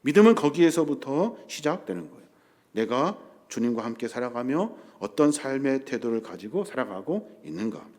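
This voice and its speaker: A male pastor preaching a sermon in a church hall, swinging between loud and hushed and acting out the voices he quotes. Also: mid-range voice, big pitch swings, normal speed.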